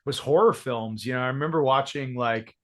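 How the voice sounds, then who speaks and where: With a mid-range voice and a brisk pace, this man in his thirties from Georgia in the US talks about his music in a relaxed interview, stumbling through fillers and restarts.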